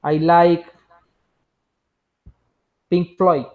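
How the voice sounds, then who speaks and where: Very slow, hesitant Spanish-accented man. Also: fairly high pitch, level tone, phone-quality sound. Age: 30s. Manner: halting, hesitant beginner with many eh fillers. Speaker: student.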